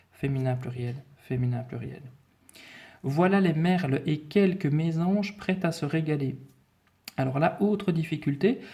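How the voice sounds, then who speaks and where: A man's voice: fairly high pitch, mellow. Patient, methodical man teaching spelling. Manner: patient, methodical, repeats key points. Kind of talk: spelling lesson explaining a dictation.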